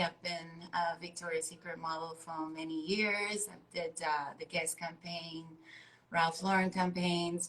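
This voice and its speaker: A middle-aged woman from Belgium, a guest speaking in a slow, unhurried way on a video call. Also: fairly low pitch, fairly bright tone, slight background noise, rough recording. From Belgium, Flemish part. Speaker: guest, former model. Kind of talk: casual interview chat. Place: video call, joined remotely.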